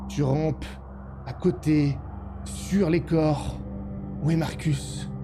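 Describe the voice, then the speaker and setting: A man narrating a tabletop game as game master, deliberate and dramatic, in short suspenseful phrases. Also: fairly high pitch, fairly even intonation. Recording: loud music and effects behind.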